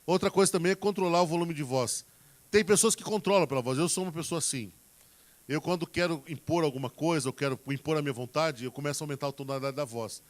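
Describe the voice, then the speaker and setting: A man's voice: on the high side, fast. A man preaching a sermon on marriage, talking in a folksy, direct way to the congregation and acting out everyday examples in quoted voices. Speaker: preacher giving marriage advice.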